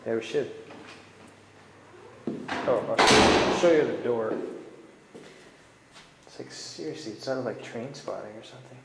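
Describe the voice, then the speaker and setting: A man's voice: medium pitch, measured pace, gravelly, pauses often, roomy sound. A man with a nasal voice giving a joking, casual walking tour of a stairwell and street, filmed on a handheld camera. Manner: joking, teasing commentary while walking. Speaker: vlogger touring a friend's home. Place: apartment stairwell then city street. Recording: loud street and ambient noise.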